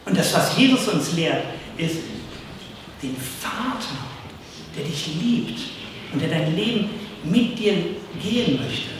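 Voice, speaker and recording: High-voiced preacher in an echoing hall. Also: male voice, sing-song, noisy background. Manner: earnest, emphatic, repeats key phrases slowly. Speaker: pastor. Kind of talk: sermon. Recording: echoey distant hall recording.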